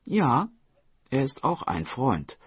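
A man's voice: medium pitch, big pitch swings, measured pace, husky, no room sound, pitched above the performer's own voice, exaggerated voice. A man voicing a carefree, cheeky young daughter who answers in breezy, teasing retorts. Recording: dull, dry studio voice-over.

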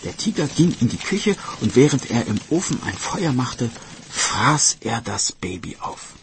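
A man narrating a folk tale in an expressive, dramatic storybook reading. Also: medium pitch, unhurried, background noise.

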